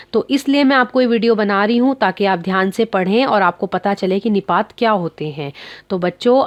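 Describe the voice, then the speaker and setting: A woman's voice: mid-range voice, dry recording, dull audio. A woman teaching grammar to schoolchildren, patient, asking questions and answering them herself.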